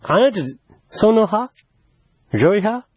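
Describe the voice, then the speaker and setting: A man's voice: high voice, expressive, takes it slowly, slightly rough, dry recording, dull audio, full character voice. A man playing a pushy, teasing older foreign envoy in a solo comedy sketch, wheedling in broken Japanese with English phrases. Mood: chatty teasing.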